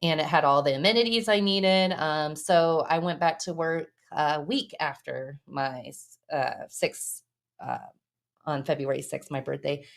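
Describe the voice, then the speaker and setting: Woman, forties, lower voice, business owner, casual interview guest, laughs often, acts out quotes. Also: fairly even intonation, measured pace. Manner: chatty storyteller who laughs often and acts out her own quotes.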